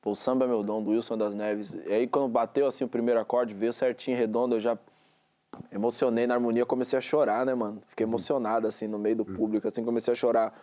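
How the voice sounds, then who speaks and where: A man tells a story in loose, slangy casual chat. He talks very fast in a mid-range voice. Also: mid-range voice, little pitch movement, warm tone.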